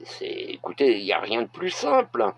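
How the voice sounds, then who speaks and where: Husky-voiced blunt man. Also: medium pitch, huge pitch swings. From France. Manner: blunt, halting with frequent filler hesitations. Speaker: vlogger. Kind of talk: opinion monologue to camera. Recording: dull lo-fi recording.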